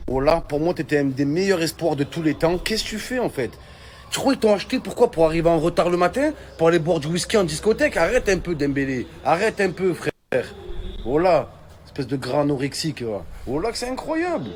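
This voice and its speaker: A man reacts emotionally to a live football match, ranting, repeating himself, and swearing as he swings between muttering and screaming. His voice is on the high side, fairly quick, with big pitch swings. Crowd noise fills the echoey, reverberant room.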